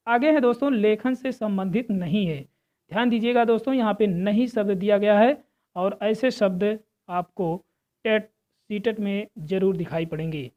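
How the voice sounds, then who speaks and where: A woman's voice: mid-range voice, lo-fi sound. A woman teaching exam preparation, reading out multiple-choice questions and steadily explaining each answer while addressing viewers as friends.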